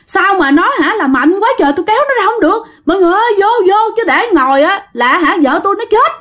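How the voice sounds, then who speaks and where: A woman's voice: very high voice, expressive, fast talker, a bit bright, pitched above the performer's own voice. A woman voicing a panicked husband frantically calling for help. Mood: frantic. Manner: frantic, pleading.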